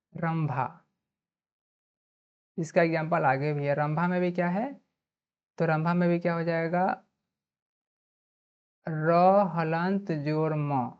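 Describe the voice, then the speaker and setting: A woman with a low voice and a Bihari Hindi accent gives an online grammar lesson at a slow, careful pace. She spells each word out letter by letter and answers her own questions. The recording sounds dull and lo-fi. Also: smooth. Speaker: teacher.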